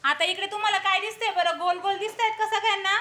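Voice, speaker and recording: A woman's voice: extremely high pitch, fairly even intonation, quick pace. Woman teacher in a classroom, keeps praising the kids and telling them to speak up, lots of noise behind. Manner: coaxing and praising, urging children to speak loudly. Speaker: primary school teacher. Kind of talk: classroom lesson with young children. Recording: noisy classroom recording.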